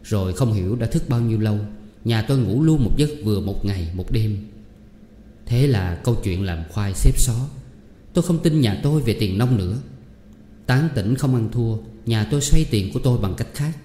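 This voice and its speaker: A man reading a novel aloud in steady, measured first-person narration. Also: fairly low pitch, a little hiss or hum. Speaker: audiobook reader. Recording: echoey reverberant room, faint ambience.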